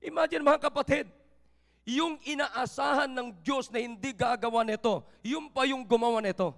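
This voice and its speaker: A male pastor preaching a sermon, mixing Tagalog with English scripture quotes and rising to shouts. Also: extremely high pitch, moderate pace, long reverb tail. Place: church sanctuary.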